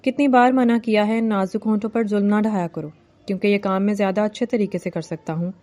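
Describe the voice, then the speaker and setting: A woman's voice: mid-range voice, fairly even intonation, warm tone, lightly acted. A woman voicing a domineering young male village landlord in a novel reading, commanding and teasing.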